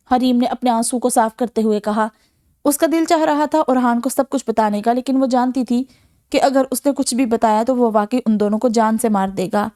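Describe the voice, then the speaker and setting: A woman narrating a novel as an audiobook, with a steady, even storytelling manner. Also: on the high side.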